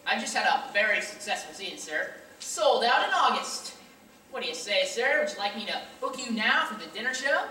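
A woman acting a brash male con man who stages fake drownings, pitching with pushy salesman patter on a school stage. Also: sing-song, fairly quick, bright, forceful tone. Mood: boastful. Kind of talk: high school stage play. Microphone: far camera. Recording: echoey hall from far off.

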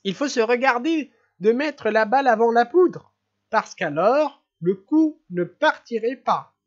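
A reader doing Prince Myshkin, giddy and high. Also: sing-song, takes it slowly, lo-fi sound. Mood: giddy, excited. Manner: breathless, laughing, rambling. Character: excited young male prince, laughing and giddy.

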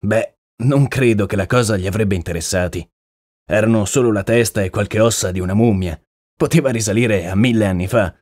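A man's voice: lowish voice, fairly quick, a little mellow, dry recording, clean studio sound, lightly acted. A man voicing an earnest, uneasy male horse trainer in an audiobook, talking plainly and deferentially. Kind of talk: audiobook character reading.

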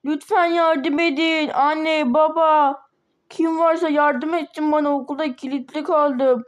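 A woman's voice: high-pitched, steady tone, moderate pace, natural voice. A woman voicing a scared little girl trapped in a school, pleading and calling out for her parents in a toy game role-play.

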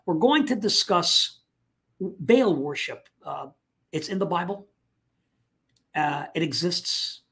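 A man hosting a live online talk show, speaking casually with many fillers and pauses. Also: high-pitched, lively intonation, vocal fry, a bit bright. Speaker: host.

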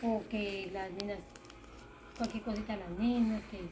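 A woman's voice: medium pitch, steady tone, normal speed. A young woman, chatting casually as a mother about her baby, full of diminutives. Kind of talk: casual chat. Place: small bedroom, indoors. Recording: noisy room recording.

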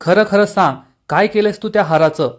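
Man reading protective mother, pleading, defending, high voice. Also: brisk, natural voice. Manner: pleading, defending her son. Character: protective middle-aged mother.

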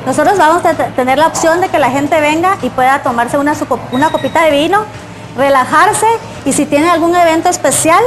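A woman's voice: sits high, a little fast. A woman representing a salon answers an interviewer's questions in a friendly, explanatory way, with a few small restarts. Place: indoor salon.

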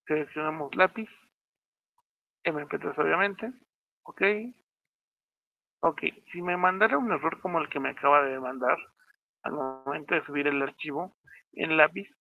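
A man's voice: fairly high pitch, normal speed, gravelly, pauses often, dry recording. A man teaching a step-by-step screencast programming lesson with a Mexican Spanish accent, checking in often with his students. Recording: tinny phone-like audio, dry.

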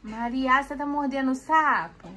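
A woman's voice: high-pitched, moderate pace, bright, forceful tone. A woman with a Brazilian accent hosting a casual home vlog from a toy corner indoors, playfully coaxing a toddler and talking to her viewers. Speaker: family vlogger host.

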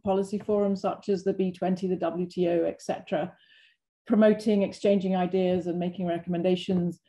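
A woman on a panel speaks confidently and fluently, with a mid-range voice. Her tone is warm and mellow rather than bright. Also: medium pitch. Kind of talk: panel discussion answer.

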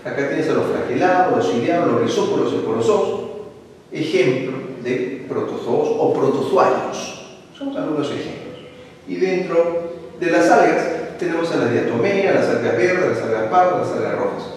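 Peruvian male biology teacher, lively and quizzing, slightly high voice, very echoey hall, distant mic. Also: normal speed, slight background noise. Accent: Peruvian Spanish. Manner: lively, asks questions and answers them himself, mixes in English words. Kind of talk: online pre-university biology lesson.

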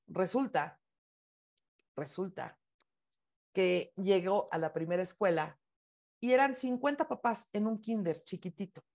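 Emphatic, encouraging woman. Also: medium pitch. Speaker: book club host and speaker. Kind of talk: casual online club talk.

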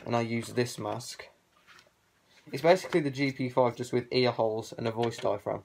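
A man's voice: medium pitch, normal speed, gravelly, noisy background. A man speaking through a cloth balaclava, showing his gas mask collection in a rambling, offhand chat full of fillers. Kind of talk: casual show-and-tell vlog.

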